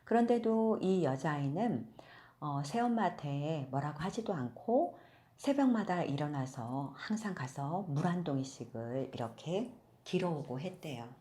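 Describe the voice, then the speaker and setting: A woman storyteller reads a children's fairy tale in a gentle, conversational way and often pauses to ask her young listeners questions. Her voice sits a little low, but her pitch moves a lot and keeps the telling lively. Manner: gentle, asks listeners questions, many fillers.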